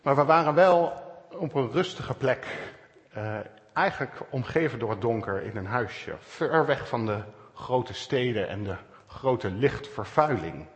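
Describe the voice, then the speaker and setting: A man preaching a calm, searching sermon, with pauses and stresses. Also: medium pitch, long reverb tail. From Netherlands. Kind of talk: reflective sermon.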